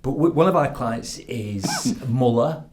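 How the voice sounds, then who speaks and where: A man's voice: medium pitch, a little slow, a little hiss or hum. A man with a Yorkshire accent, a professional speaker giving advice as a guest in a casual podcast chat, acting out little quotes and checking in with "right?". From Yorkshire, England. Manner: animated storytelling with acted quotes, frequent "right?". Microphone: studio podcast microphone.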